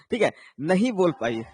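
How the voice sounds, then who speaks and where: A man's voice: sits high, sing-song, measured pace, a little mellow, husky. A man teaching an online exam-prep lesson, explaining patiently and often checking in with his viewers. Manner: explains patiently, tags lines with "है ना", answers viewers' comments.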